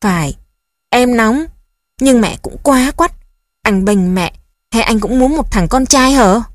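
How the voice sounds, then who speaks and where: A woman's voice: fairly high pitch, animated, takes it slowly, no room sound. A hurt young wife retorts sharply and bitterly, read by a woman narrator. The voice sits close to the mic in a dry recording. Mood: indignant. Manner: bitter, indignant.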